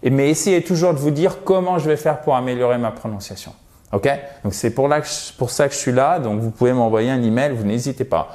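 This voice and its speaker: In a video lesson, a French-speaking man with a medium-pitched voice teaches English in a lively way. He says English sentences slowly and clearly.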